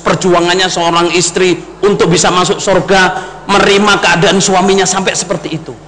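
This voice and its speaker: This middle-aged preacher tells stories in his sermon, calling the congregation brothers and sisters and mixing in Javanese. His voice sits high and sharp, level in tone and brisk, captured with long hall reverb and faint noise.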